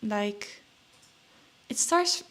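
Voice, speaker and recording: A woman's voice: mid-range voice, lively intonation, very slow, a bit bright. A young woman chatting casually in a vlog, a bit nervous and out of breath, with many fillers and restarts. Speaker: trading vlogger.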